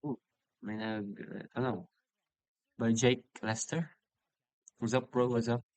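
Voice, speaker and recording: A man's voice: medium pitch, fairly even intonation, measured pace, darkish tone, dry recording. A young man with a Filipino accent, casually answering viewer comments on a livestream, apologetic and chatty as he switches between English and Tagalog. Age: young adult.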